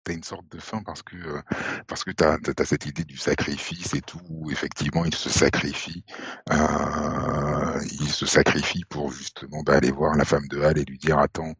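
A man's voice: a bass voice, level tone, moderate pace, vocal fry, a bit bright, slightly rough, no room sound. A man co-hosting a casual live stream, laid-back and blunt in his opinions. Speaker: podcast co-host. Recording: dull lo-fi mic.

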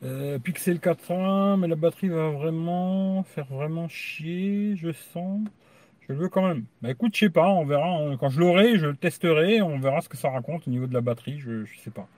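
In a dry recording, a tech channel host with a slightly high, somewhat mellow voice speaks at normal speed. He chats crudely during a live stream, wandering from point to point and filling nearly every phrase with "tu vois."

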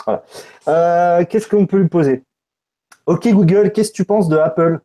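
Mellow man streaming live. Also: high voice, a little slow. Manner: loose and joking, swears casually. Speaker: tech streamer. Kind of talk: casual live unboxing stream.

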